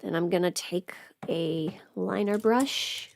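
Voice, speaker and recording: A sick livestream host and audio performer talks casually through her makeup routine, thinking aloud, rambling and now and then playful. She speaks slowly in a lowish, gravelly voice with a darkish tone.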